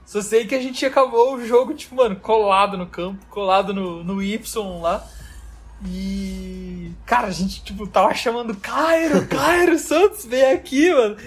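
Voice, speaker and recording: A man's voice: high voice, normal speed. A man with a Brazilian Portuguese accent telling a travel story in casual chat, loose and slangy, full of fillers.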